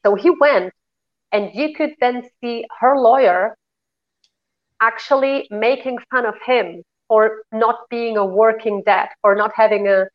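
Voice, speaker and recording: A woman in a casual discussion, talking in an animated way and acting out the voices she quotes with sudden jumps in pitch. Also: a little slow. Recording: dull lo-fi sound.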